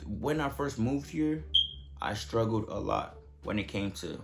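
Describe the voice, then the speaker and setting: A man's voice: fairly low pitch, expressive, a little slow, creaky. A young man from Nigeria telling his story to camera in a casual, joking, profane way. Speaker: vlogger.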